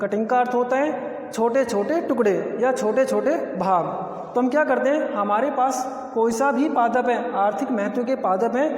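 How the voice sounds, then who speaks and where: A man with a very high voice teaches a biology class with a Rajasthani accent. He explains step by step and poses questions that he answers himself. His voice rings around a classroom with a long, roomy echo. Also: moderate pace. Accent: Rajasthani Hindi. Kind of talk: classroom lecture. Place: classroom with a board. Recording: echoey room with long reverb.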